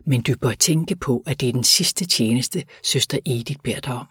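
A man voicing a young slum sister who fights back tears and then speaks firmly, with a husky voice. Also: medium pitch, no room sound. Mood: tearful. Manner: tearful yet sharp. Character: young woman, grieving slum sister, firm.

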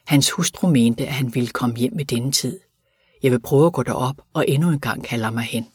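A man voicing a reluctant, agitated male Salvation Army soldier, with a husky voice. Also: mid-range voice, a little mellow, dry recording, natural voice. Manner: pleading and indignant.

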